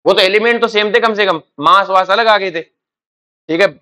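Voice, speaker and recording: A man's voice: high-pitched, normal speed, bright, forceful tone. A male chemistry teacher lecturing in class, firing questions and answering them himself, calling students "beta". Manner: quizzing students with repeated questions.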